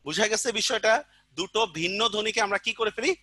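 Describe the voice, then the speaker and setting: This male teacher's voice is high and fast, with a pushed, bright quality and no echo. During his online grammar class he patiently repeats examples and keeps asking students if they follow.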